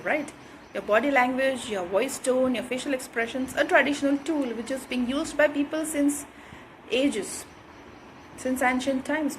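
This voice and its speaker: A woman's voice: sits high, a bit bright, a little hiss or hum, rough recording. A woman giving an instructional talk on communication skills, repeating her points and checking in with "right?".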